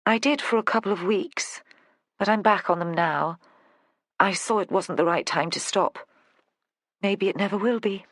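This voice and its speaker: A woman's voice: medium pitch, normal speed, long pauses, no echo, clean studio sound, close to an everyday voice. A reader voicing an imperious, brittle upper-class woman with a posh southern English accent and a haughty, airy manner. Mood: subdued.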